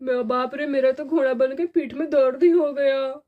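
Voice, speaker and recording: In a homemade doll storybook, a fond old grandpa jokes about his aching back as he plays with the kids, voiced by a woman. The voice sits high and light for an old man. The sound is dull and muffled. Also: steady tone, moderate pace, lightly acted. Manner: cheerful, indulgent, mock-weary. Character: elderly grandfather, jolly and doting.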